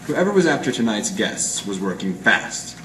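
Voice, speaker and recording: With a lowish male voice at a moderate pace, an amateur performer voices a tough 1940s gumshoe in a radio noir. His grim first-person narration is clipped, deadpan and full of slang. It's a live show in a spacious gallery, recorded from a distance with echo and a little noise.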